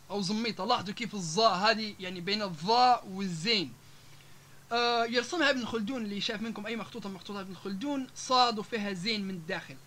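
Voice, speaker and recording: A man with a Libyan Arabic accent speaks rapidly in a high, bright voice as he lectures a live audience. He runs example words together one after another, broken up by drawn-out "aah" fillers, and faint room noise sits behind him.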